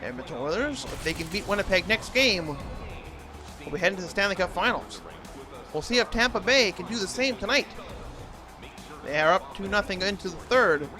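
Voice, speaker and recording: A man's voice: sits high, animated, a little fast, long pauses, music in the background. A man doing hockey play-by-play commentary in an imitation of a TV sports announcer.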